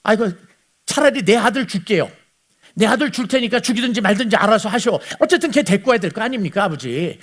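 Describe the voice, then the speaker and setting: A man's voice: high voice, animated, moderate pace, few pauses, a little mellow, voice pushed up. A man acting out an exasperated grown eldest son pushing his hesitant father, irritated and insistent. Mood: irritated pleading. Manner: irritated, pushy.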